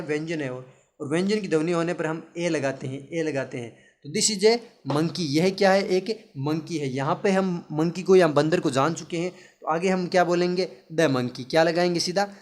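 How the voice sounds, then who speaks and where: A man teaching English grammar in Hindi, asking questions and answering them himself, and slowly spelling out English words. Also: on the high side. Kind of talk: classroom-style grammar lesson.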